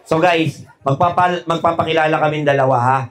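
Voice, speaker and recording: A man hosting a comedy skit with playful quiz banter, animated and quick, often scolding his sidekick. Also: fairly high pitch, a faint crowd. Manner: animated, scolding, rapid talk. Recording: noisy recording.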